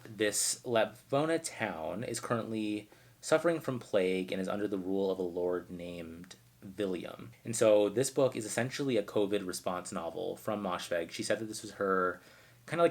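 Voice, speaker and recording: Deep-voiced, chatty man reviewing books. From Arizona, United States. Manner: chatty, full of "like" and asides. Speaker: book reviewer. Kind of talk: casual book review.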